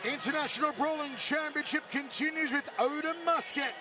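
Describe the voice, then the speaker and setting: A man calling a fight live as play-by-play commentator in a booming, dramatic announcer's delivery full of colourful catchphrases. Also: a little fast. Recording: loud crowd and music behind. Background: loud crowd and music.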